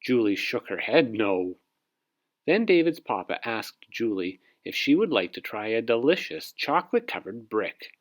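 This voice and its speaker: This man reads a children's storybook aloud, putting expression into the narration. His mid-range voice moves at a normal speed.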